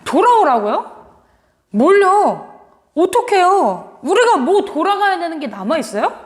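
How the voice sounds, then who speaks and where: A woman's voice: very high-pitched, very animated, a little fast, voice pushed up. A woman doing snippy, sulky backtalkers. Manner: petulant, snippy retorts. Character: sulky, backtalking people answering God coldly. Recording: long hall reverb.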